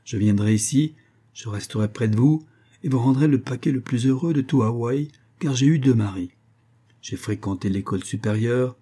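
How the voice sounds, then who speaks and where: A man reading the part of a composed, teasing woman of forty who speaks in calm, sententious phrases. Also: medium pitch, breathy edge, lightly acted.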